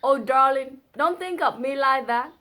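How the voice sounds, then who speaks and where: Speaking a little slowly in a high, sharp-toned voice, this woman casually reads out a translated poem with playful, chatty asides. Vietnamese is her native language, and she has a Vietnamese accent.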